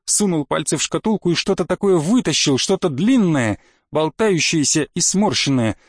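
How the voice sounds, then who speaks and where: A man narrating an audiobook in a measured, ironic way. His voice sits a little high, and the recording is close and dry with no room sound. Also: animated, slightly rough, no room sound.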